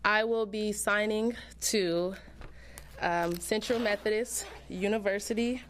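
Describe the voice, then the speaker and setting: A woman's voice: mid-range voice, fairly even intonation, slow, slight background noise. A woman in her twenties, an athlete, speaking earnestly and emotionally in interview soundbites. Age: 20s.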